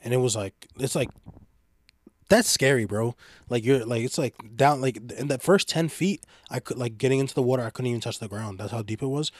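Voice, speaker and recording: A man's voice: medium pitch, a little fast, dry recording. A young man bantering casually with a friend in frat-bro slang, saying bro constantly.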